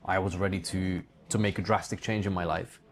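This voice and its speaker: The speaker is a Hungarian interview guest, a digital entrepreneur who runs a book publishing company, chatting about his own life and work in response to questions. He talks a little fast in a low voice with fairly even intonation.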